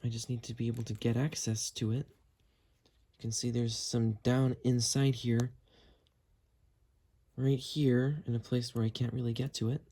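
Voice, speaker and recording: The host of a how-to cleaning video talks through each step as he works by hand, using a casual, explanatory style. He speaks at normal speed with frequent pauses, in a flat, dark, medium-pitched voice.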